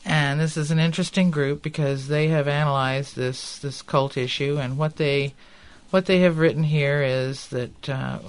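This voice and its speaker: A man's voice: a little high, steady tone, normal speed, clear, resonant tone. A man hosting a podcast, explaining things earnestly, with slightly impeded speech as if something is in his mouth. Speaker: podcast host. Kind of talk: podcast talk with read-out quotes.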